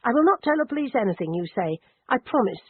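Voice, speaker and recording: A woman narrator voicing a self-assured middle-aged woman detective who talks in a brisk, insistent way. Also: on the high side, sing-song, breathy edge, pitched above the performer's own voice. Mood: firm. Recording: dry, narrowband phone-like audio.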